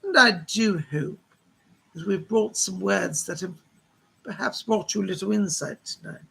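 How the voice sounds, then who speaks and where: A man working as a seance medium, voicing a gentle, motherly woman spirit in a genteel, old-fashioned, consoling manner with a husky voice. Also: high voice, heavily acted. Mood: soothing, solemn. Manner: genteel, old-fashioned, slow solemn reassurance.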